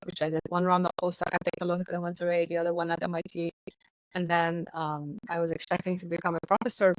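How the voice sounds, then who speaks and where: Lower-voiced woman. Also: no room sound, rough recording. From Iran. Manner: articulate, assured explanations. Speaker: guest. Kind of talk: podcast interview.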